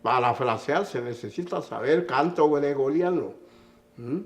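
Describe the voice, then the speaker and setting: A man's voice: medium pitch, a little slow. An older man with a Mexican accent, a conductor telling stories and lecturing in an emphatic way, often checking in with a short "mm?". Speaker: conductor and musician. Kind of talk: anecdotal storytelling in an interview.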